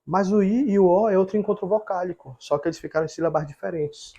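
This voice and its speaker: A man's voice: sits high, quick pace, mellow, highs cut off. A man teaching a grammar lesson at a whiteboard, explaining step by step and checking in with the viewers.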